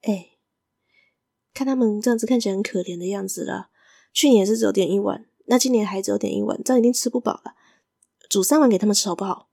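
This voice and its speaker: A gentle, worried shop owner's wife, as a woman storyteller puts her on, speaking in a soft, hushed plea. The sound is dry and close to the mic, like a storybook reading. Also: mid-range voice, fast, creaky, no room sound. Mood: hushed pleading. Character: worried, kind-hearted middle-aged female noodle shop owner.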